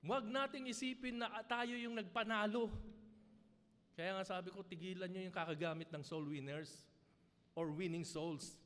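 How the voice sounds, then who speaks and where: A man with a Filipino accent preaching a sermon, rising for emphasis and dropping soft and low for asides, with nervous stumbles and restarts. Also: fairly even intonation, normal speed. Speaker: pastor. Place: church hall. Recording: long church hall reverb.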